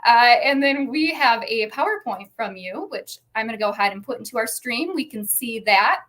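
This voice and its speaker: Woman host, fairly high voice, friendly and encouraging, online event hosting. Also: animated, normal speed, a bit bright. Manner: friendly, encouraging, lightly chatty. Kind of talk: hosting an online pitch competition.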